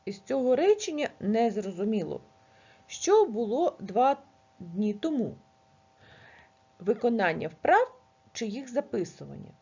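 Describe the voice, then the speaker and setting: A woman teacher reading a grammar lesson aloud, measured and slow over the example sentences. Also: a little high, very animated, darkish tone, breathy edge, lo-fi sound.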